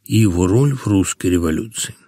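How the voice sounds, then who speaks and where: A man reading a satirical novel aloud in an expressive, ironic storytelling manner. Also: low-pitched, brisk, no room sound, clean studio sound. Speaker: reader of a novel. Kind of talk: literary audiobook reading.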